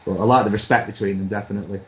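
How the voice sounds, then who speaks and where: A man chatting casually as a pundit, relaxed and rambling, with a light laugh now and then. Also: fairly low pitch, rapid-fire, poor audio. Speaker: boxing pundit. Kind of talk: casual chat.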